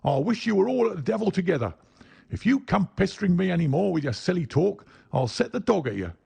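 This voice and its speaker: A man voicing an angry market salesman who shouts fiercely at a pestering stranger, in a storybook reading. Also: high-pitched, very animated, quick pace, vocal fry, husky, voice pushed up, exaggerated voice. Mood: angry shouting.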